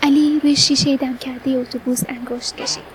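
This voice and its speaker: High-voiced woman narrating a novel. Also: fairly even intonation, darkish tone, slight background noise, poor audio. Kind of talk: audiobook narration.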